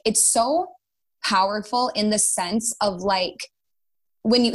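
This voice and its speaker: A woman with a Minnesota accent speaking as a podcast guest, casually and earnestly, addressing listeners directly. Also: on the high side. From Minnesota, United States. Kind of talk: casual, earnest conversational storytelling and advice.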